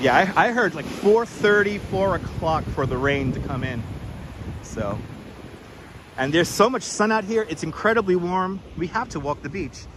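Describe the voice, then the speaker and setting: Strolling along a windy beach boardwalk, an easygoing male livestream host chats casually, chuckling a lot and calling out viewers by name. His voice sits high at normal speed. Wind buffets his wireless clip-on mic, and waves crash in the background.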